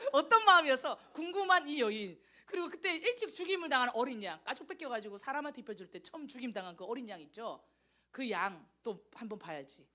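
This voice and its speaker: A woman missionary preaching a lively sermon to young people, telling the story with animation and teasing listeners by name. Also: high-pitched.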